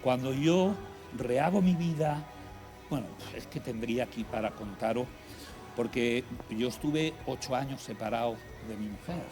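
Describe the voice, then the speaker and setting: Man, middle-aged, earnest testimony, conversational, mid pitch, music underneath. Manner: earnest and conversational, with reflective pauses. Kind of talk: personal testimony talk. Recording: music playing behind the voice.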